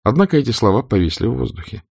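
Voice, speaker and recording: A man narrating a novel in an audiobook, measured and expressive. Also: medium pitch, creaky, breathy edge, no room sound, studio quality. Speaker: audiobook reader. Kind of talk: scripted narration.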